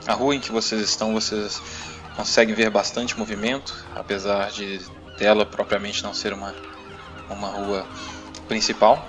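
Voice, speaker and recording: A man with a Brazilian accent narrates a tabletop roleplaying adventure as the game master, with music playing behind him. His voice is fairly low and level, and he speaks at a normal speed.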